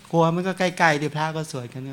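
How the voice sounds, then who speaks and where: Monk, man, relaxed storytelling sermon, slightly higher voice. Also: quick pace. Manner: chatty, tells anecdotes with frequent chuckles. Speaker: Buddhist monk. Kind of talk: dharma talk with storytelling.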